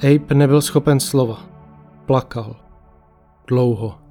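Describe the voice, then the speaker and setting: Male narrator, mellow and measured, reading a ghost story over quiet music. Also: mid-range voice, fairly even intonation. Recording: faint music behind.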